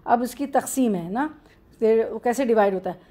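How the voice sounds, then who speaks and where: A woman's voice: on the high side, normal speed, mellow. A woman with an Urdu accent teaching a classroom grammar lesson, explaining step by step and answering her own questions.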